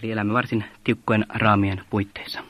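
A man from Finland explains procedures in a measured interview manner. His voice sits a little low. He often pauses with small hesitation sounds before going on. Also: little pitch movement, a bit bright, dry recording. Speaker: mission organization leader.

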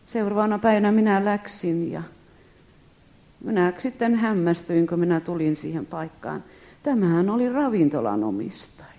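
A woman tells her testimony to a gathered audience, her pitch rising and falling with animation. Her voice is warm and mellow. The recording sounds dull and lo-fi. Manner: lively, addresses listeners directly. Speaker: speaker giving a testimony.

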